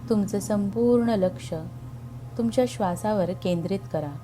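This guided meditation is narrated by a woman with a medium-pitched voice, against background music. She keeps it calm and soothing, taking her time with long pauses.

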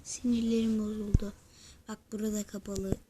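A woman giving mobile gameplay commentary, excitable and talking to her viewers while she plays. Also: mid-range voice, normal speed, slight background noise. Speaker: gaming channel host.

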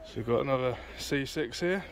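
At a car show on a grassy field, a British vlogger records himself on a handheld phone, chatting in a casual, matey, improvised way. His voice sits at medium pitch and he speaks fairly quickly.

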